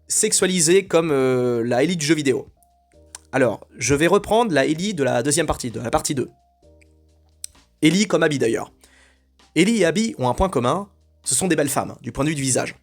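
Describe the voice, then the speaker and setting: A man's voice: on the high side, expressive, a little fast, faint music behind. A man delivering an opinionated commentary monologue in a blunt, indignant way, rambling and hesitating often. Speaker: video commentator.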